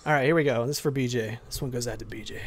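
A man with a hoarse voice chatting casually on a live stream, rambling and reading chat aloud. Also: medium pitch, a bit bright.

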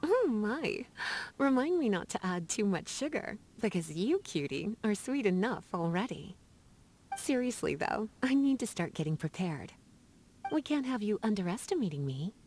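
Lisa, languid flirty sorceress, swooping pitch. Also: female voice, very animated, darkish tone, slight background noise. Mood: playful, teasing. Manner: languid, teasing, breaking into sighs and drawn-out words. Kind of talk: video game character dialogue. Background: background music.

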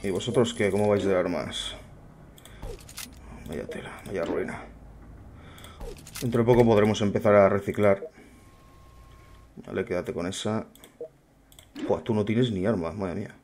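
A man's voice: fairly low pitch, moderate pace, long pauses, a little mellow, a little hiss or hum. A young man muttering wry commentary to himself while playing a game. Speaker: gameplay streamer. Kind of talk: casual gameplay commentary.

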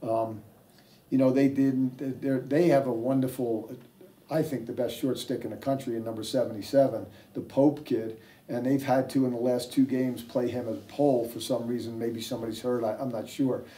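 Older male coach, halting postgame answers. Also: medium pitch, steady tone, mellow, recorded from a distance. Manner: rambling, hesitant, many fillers and restarts. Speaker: head coach. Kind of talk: postgame press conference answers. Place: press room with sponsor backdrop, seated at table. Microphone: table mic, heard from a distance.

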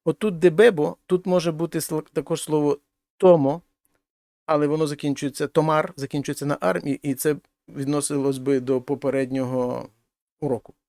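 A man's voice: a little high, little pitch movement, a little fast, creaky, darkish tone, dry recording, clean studio sound. A man teaching a language lesson, explaining grammar step by step and translating each example sentence. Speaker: Spanish teacher.

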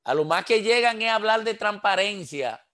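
Speaking Dominican-accented Spanish, a man in his sixties delivers heated political commentary for a radio panel over a video-call headset in a small room. His voice is high, expressive, pushed and bright, moving at a moderate pace. He gestures while talking and leans hard on rhetorical questions.

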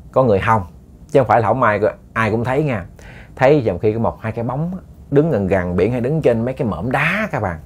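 A man with a Southern Vietnamese accent telling a ghost story to listeners, casual and chatty with many repeated words. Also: medium pitch.

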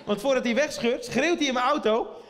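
Male stand-up comic, high and quick, animated storyteller, live theater recording with long reverb. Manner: animated storytelling, acting out voices. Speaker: stand-up comedian. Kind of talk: stand-up comedy routine. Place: theater stage with audience.

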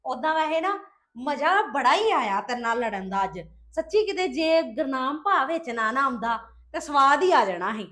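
A woman plays a crafty young wife who needles and scolds the woman she argues with. Her voice sits very high, and her lines come sharp and mocking in a scripted family drama. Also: animated, moderate pace. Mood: taunting. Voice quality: taunting, scolding delivery. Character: scheming young wife Pooja, boastful and sharp-tongued. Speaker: actor in a family skit.

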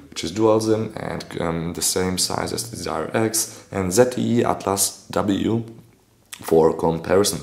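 Hoarse low-voiced man reviewing a phone. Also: a little mellow. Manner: rambling, fillers, non-native phrasing. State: hoarse, clearing throat. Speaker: tech reviewer. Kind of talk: casual product review.

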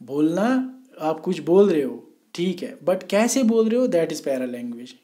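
Man, high and mellow, patient classroom lecturer who keeps checking that students follow. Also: sing-song. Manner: explains slowly, often asking "theek hai?". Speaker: teacher. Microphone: voice only, no camera.

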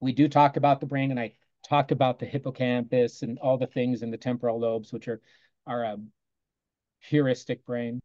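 A man on a video call walks through a lesson he taught, talking casually and quoting what he told his students. His voice is mellow and relaxed at a middling pitch. The sound is dry and slightly muffled. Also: normal speed, dry recording. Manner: conversational, quotes himself often with "I go", soft asides. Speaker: teacher presenting a lesson.

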